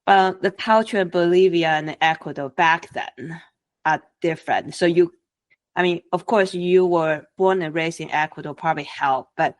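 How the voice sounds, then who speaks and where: A woman hosting an interview, inquisitive and checking facts back with her guest. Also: lowish voice. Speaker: podcast host. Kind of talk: interview questions.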